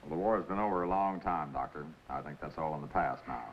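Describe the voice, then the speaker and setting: A deep-voiced friendly rancher. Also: male voice, quick pace. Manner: friendly, hospitable. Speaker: rancher, the boy's uncle. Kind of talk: 1950s TV western acting. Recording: dull lo-fi old TV soundtrack, hiss.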